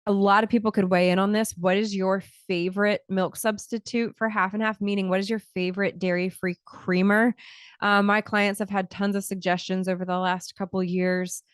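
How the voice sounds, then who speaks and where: A woman in her thirties talks through a solo health podcast in a relaxed, explanatory way, often restarting her sentences. Her voice is smooth and clear at a middle pitch. She speaks close to a studio mic in a dry, dead room. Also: normal speed, no room sound. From Scotland, early childhood. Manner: conversational, explanatory, frequent restarts and fillers. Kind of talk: casual solo podcast talk. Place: small home studio, indoors. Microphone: large studio mic close to the mouth.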